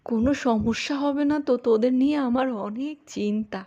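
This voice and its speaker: Woman playing a high-voiced, fretful old grandparent. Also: a little fast, warm tone, natural voice. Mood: worried. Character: worried, fussing old village grandparent. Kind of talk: children's fairy-tale audio drama acting. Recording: slightly dull, lo-fi audio.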